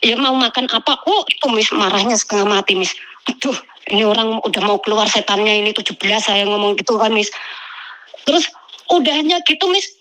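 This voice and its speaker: A woman tells her story to a host in a casual way. She sounds animated and complaining, and she keeps calling the listener "Miss". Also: medium pitch, fairly quick, rough recording. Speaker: migrant domestic worker telling her story.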